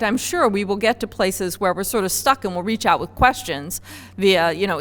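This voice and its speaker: A woman's voice: medium pitch, fairly bright tone, big-room sound. A woman organizing a meeting, explaining plans in a casual, reassuring way. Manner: casual, reassuring, loose phrasing. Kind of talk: meeting discussion.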